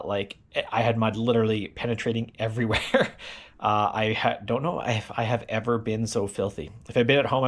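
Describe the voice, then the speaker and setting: A middle-aged man casually recapping a hard gravel ride, sore and tired, rambling with lots of fillers. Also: lowish voice. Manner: rambling, filler-heavy, self-deprecating. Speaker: gravel cyclist vlogger.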